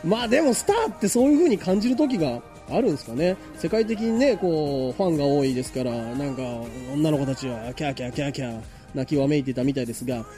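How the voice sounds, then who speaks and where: A high, very lively male voice, mellow in tone, running a casual radio news segment. He reads each item and then riffs on it with loose, joking asides, with faint music underneath. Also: fast talker, hardly any pauses. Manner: chatty, jokes about news, reads items then comments. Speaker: radio show host.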